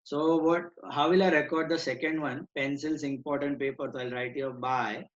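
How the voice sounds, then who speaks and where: A man's voice: on the high side, fairly even intonation, drawn-out words, highs cut off. A man teaching an online accounts class, switching between Hindi and English and quizzing his students.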